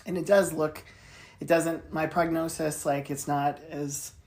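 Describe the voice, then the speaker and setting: A woman's voice: low voice, steady tone, unhurried, a little mellow. A woman co-hosting a podcast in casual chat, candid and wry, laughing easily with her sister. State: in chemotherapy treatment. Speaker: podcast co-host.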